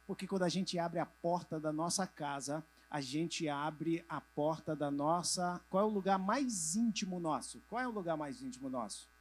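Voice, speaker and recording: A middle-aged male pastor preaching to church leaders, asking the audience questions and answering them himself, sometimes having them raise hands or turn to a neighbor. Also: high-pitched. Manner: drops to a soft voice at moments. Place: church convention hall with a live audience.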